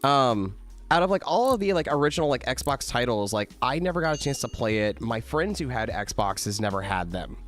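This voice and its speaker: A man's voice: mid-range voice, very animated, moderate pace, soft background music. A sick, coughing man streaming games and chatting casually, rambling with lots of "like". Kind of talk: casual gameplay chat.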